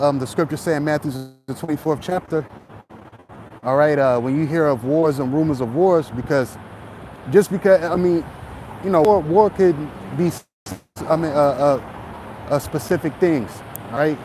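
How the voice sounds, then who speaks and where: Halting man preaching on a noisy street walk. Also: fairly high pitch, a little mellow. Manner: halting, repeating phrases as he goes; talking while walking. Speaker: religious vlogger. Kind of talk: casual walk-and-talk preaching monologue. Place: outdoors on a street with passing trucks. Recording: noisy outdoor street, passing traffic. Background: traffic and vehicle noise.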